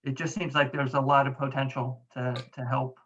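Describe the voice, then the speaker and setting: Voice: mid-range voice, level tone, normal speed, fairly bright tone. An audience member asking a presenter questions after a talk, hesitant and full of fillers. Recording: dull lo-fi audio.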